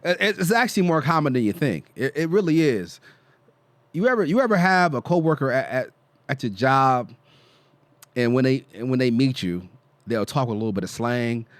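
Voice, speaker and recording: A man co-hosting a reaction video, talking in animated slang with laughs in casual commentary. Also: mid-range voice, moderate pace, no echo.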